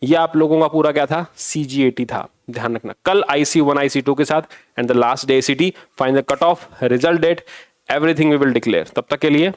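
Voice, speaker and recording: A man's voice: fairly high pitch, a little slow, no room sound, clean studio sound. A man teaching an exam review lesson, scolding and pushing his students, mixing English phrases into his talk.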